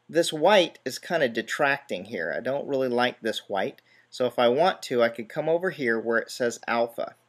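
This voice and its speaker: A man explaining software steps one by one in a relaxed screen-recorded tutorial, with small self-deprecating asides. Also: medium pitch. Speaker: tutorial host.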